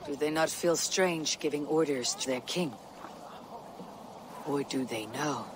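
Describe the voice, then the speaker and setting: Eivor, husky stoic Viking warrior. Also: female voice, deep voice, a little slow, noisy background. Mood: wry, probing. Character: stoic, proud female Viking warrior, wry and probing. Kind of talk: video game cutscene acting. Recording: music behind the voice.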